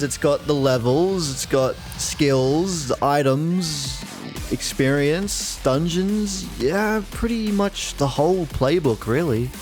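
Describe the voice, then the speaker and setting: A young man narrating a casual scripted video game review in a slangy, profane, dryly joking way. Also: medium pitch. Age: young adult. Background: faint music.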